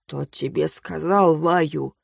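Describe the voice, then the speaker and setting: A woman voicing a stern old male mentor who lectures and shouts in anger. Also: low voice, slow, vocal fry, no room sound, clean studio sound, voice pushed down, full character voice.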